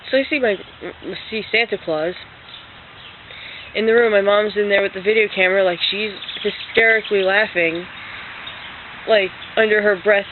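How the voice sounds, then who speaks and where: A young woman in her twenties telling a childhood story to her webcam, chatty and rambling with lots of "like"s. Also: medium pitch. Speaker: vlogger. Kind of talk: casual storytelling. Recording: tinny lo-fi webcam audio, faint noise.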